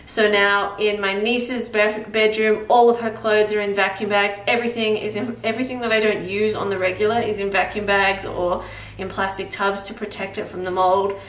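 Her voice mid-range and level, an Australian vlogger in her thirties chats at a moderate pace with hardly any pauses as she cooks at home. The talk is a rambling, chatty cook-along, full of fillers as she thinks aloud. Sound comes from a camera mic a few feet away, off-mic and echoing in the roomy kitchen.

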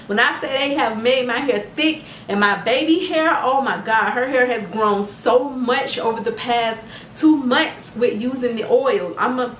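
A bubbly woman with a fairly high voice and a lilt chats casually in a home vlog. She sounds a little off-mic, and her voice rings around an echoey room. A faint ambient hum sits underneath. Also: recorded from a distance. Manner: bubbly, excitable, addresses viewers as "you guys". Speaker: skincare business owner and vlogger. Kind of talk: casual product showcase vlog.

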